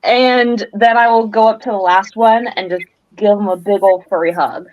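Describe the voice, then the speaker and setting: A woman playing a cleric in a tabletop game, speaking slowly with some hesitation. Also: mid-range voice, steady tone, dry recording, dull audio. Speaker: player. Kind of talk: casual tabletop play.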